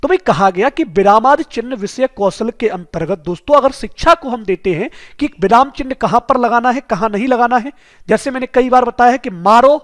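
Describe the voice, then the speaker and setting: A man teaching an exam-prep lesson who keeps asking rhetorical questions and calling the viewers his friends. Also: extremely high pitch.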